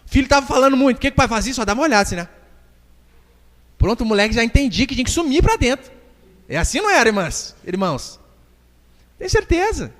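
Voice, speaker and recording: A man's voice: very high voice, big pitch swings, fast talker, pauses often, a bit bright. A man with a Brazilian Portuguese accent preaching a sermon as pastor, emphatic and acting out little dialogues. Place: church hall. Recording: reverberant church hall.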